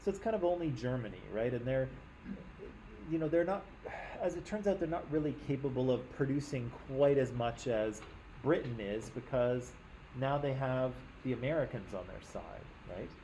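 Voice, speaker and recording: A male teacher leads a history lesson in a classroom in a relaxed, conversational way, often tagging his points with "right?". His tone is mellow and warm. Faint noise sits under the voice. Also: mid-range voice, moderate pace, rough recording.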